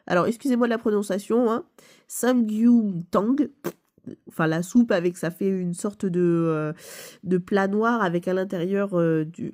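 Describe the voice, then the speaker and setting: A woman's voice: mid-range voice, dark tone. A woman with a stuffy nose from a cold, explaining a game casually with many fillers and self-corrections. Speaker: video game channel host.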